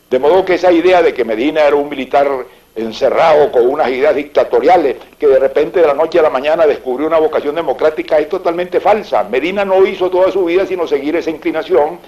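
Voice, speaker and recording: A man's voice: a little high, darkish tone, lo-fi sound. A man giving spontaneous, emphatic testimony as a documentary interviewee, repeating phrases for weight.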